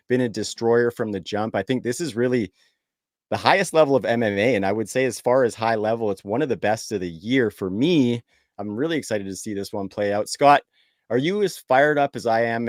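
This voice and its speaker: A man's voice: on the low side, dry recording, studio quality. Chatty young Canadian man hosting. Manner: upbeat, chatty, laughs easily. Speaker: podcast host. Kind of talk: casual sports podcast chat.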